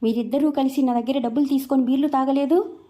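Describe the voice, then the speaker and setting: A woman's voice: sits high, steady tone, fast talker, pitched above the performer's own voice, natural voice. A woman voicing an angry young husband who scolds his family for wasting his wife's cooking. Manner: scolding, shouting.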